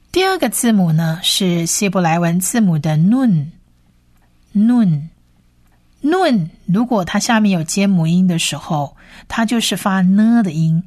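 Slow, patient woman teaching pronunciation. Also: mid-range voice. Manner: patient, repeats each sound slowly several times. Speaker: Hebrew language teacher. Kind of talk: slow spoken lesson.

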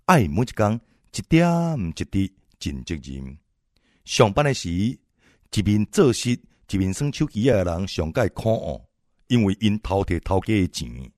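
Man preacher, low, lively pitch, dry close sound, exhorting sermon delivery. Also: measured pace, dry recording. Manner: exhorting, swings between loud and soft.

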